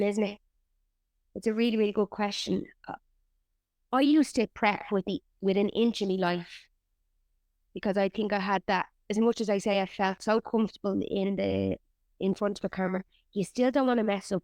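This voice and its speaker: A woman's voice: medium pitch, fairly even intonation, normal speed, a little mellow, dry recording, studio quality. A woman, an actor and writer, chatting candidly in an interview and swearing freely. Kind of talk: casual interview chat.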